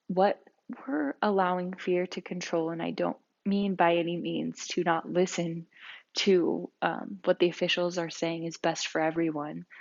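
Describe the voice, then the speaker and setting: Woman yoga instructor, calm and soft-spoken, low voice with vocal fry, dull lo-fi recording. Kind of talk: guided yoga and breathing class.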